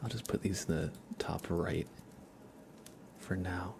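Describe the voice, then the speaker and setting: In a casual ASMR livestream, the host speaks in a very low, crackly male voice with vocal fry, soft and hushed, sometimes half whispering. He rambles informally with small halting pauses over light background noise and keyboard typing.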